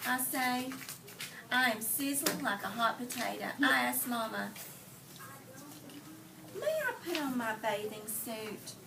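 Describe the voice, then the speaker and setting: Reading an interactive picture book to her young class, a female teacher speaks in a fairly high voice, expressive and unhurried, stopping now and then to put questions to the children. The mic is far from her, so the room's ambient noise comes through plainly.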